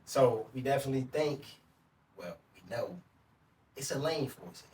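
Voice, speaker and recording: A man's voice: medium pitch, animated, normal speed, darkish tone, recorded from a distance, a little hiss or hum. A man, an actor guest, talking in a casual interview, emphatic and repeating himself. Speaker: actor and radio personality guest.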